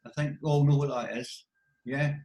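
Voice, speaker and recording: A man's voice: medium pitch, steady tone, moderate pace, dark tone, roomy sound, poor audio. A man with a Scottish accent, a wildlife photographer giving practical step-by-step advice in an interview over a video call. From Scotland. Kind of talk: casual explanatory interview talk.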